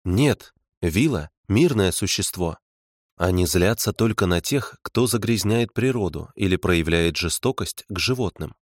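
A man voicing a calm, composed woman investigator who speaks evenly and without emotion. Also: deep voice, measured pace, no echo, clean studio sound. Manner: cool, even, dispassionate.

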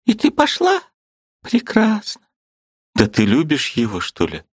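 A man voicing a sharp-tongued, agitated old woman who scolds her niece sarcastically. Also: a little high, huge pitch swings, measured pace, husky, dry recording, clean studio sound, voice pushed up, exaggerated voice. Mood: scolding. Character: sharp-tongued old aunt, gruff yet loving woman.

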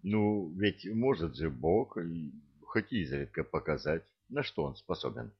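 A man reading as a calm, offhand thunder god. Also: low voice, measured pace, gravelly, husky, full character voice. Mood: mild. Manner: mild, offhand. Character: calm mighty male thunder god, casual. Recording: dull lo-fi audiobook recording.

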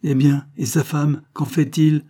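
A man's voice: fairly high pitch, level tone, a little slow, dark tone, voice pushed up. A man voicing a blunt, grumbling household servant woman who talks brusquely.

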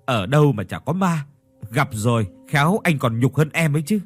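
A man's voice: medium pitch, expressive, moderate pace, slightly rough, soft background music, voice pushed up. A man voicing a panicked young man who stammers and pleads in a ghost story. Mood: pleading.

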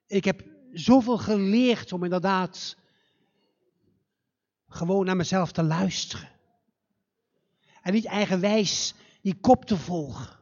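A man's voice: sits high, slow, long pauses, darkish tone, in a large hall, muffled recording, exaggerated voice. A man doing a grateful young prince.

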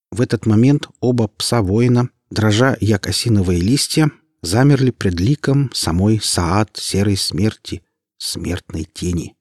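A man reads a fantasy audiobook in a steady, unhurried storytelling manner. His voice sits low with a husky grain, recorded dry and close with no room sound. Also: no echo. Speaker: audiobook narrator. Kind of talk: audiobook narration.

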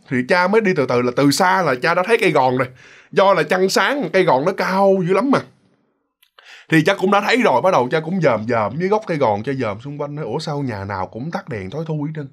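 A man's voice: sits high, a bit bright. Man; casual, rambling ghost-story narrator. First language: Vietnamese. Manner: chatty, many fillers and restarts.

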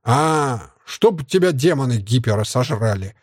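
A man's voice: mid-range voice, lively intonation, measured pace, no echo, clean studio sound. A man voicing a brutish, cannibal cyborg gang boss who gloats, sneers and roars in an audiobook. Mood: roaring. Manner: gloating, sneering, roaring, with braying laughs. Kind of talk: audiobook character voice.

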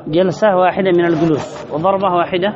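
A sheikh with a high voice teaches Arabic grammar in a classroom lesson, reading a line of text and then explaining it, repeating phrases and asking questions. His intonation stays fairly even and his pace is quick. The recording is dull and lo-fi, with audience noise in the background.

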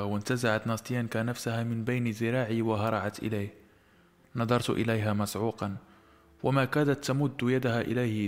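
A man narrating a novel as an audiobook in a measured, expressive storytelling manner. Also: fairly low pitch.

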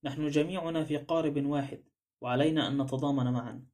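A man's voice: a little high, fairly even intonation, quick pace, darkish tone, close to an everyday voice. A man voicing a cool, sardonic male adventurer in an audiobook drama, speaking with dry composure.

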